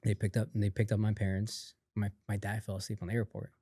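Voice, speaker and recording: A man guesting on a podcast, telling a personal story in a casual, animated way, acting out what others said, with lots of fillers. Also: fairly low pitch, fast, breathy edge, no echo, clean studio sound. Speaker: podcast guest, company founder.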